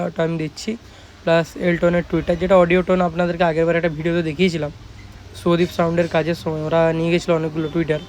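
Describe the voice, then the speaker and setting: With a West Bengal Bengali accent, this man presents his own products as a shop owner, pitching them casually but emphatically and repeating himself often. His voice sits high and sounds a little mellow, with slight background noise in the recording.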